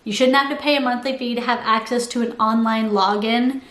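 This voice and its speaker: A woman's voice: a little high, steady tone, fairly quick, a bit bright. A woman giving casual, critical commentary, informally arguing her case point by point as a video host. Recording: roomy, echoey sound.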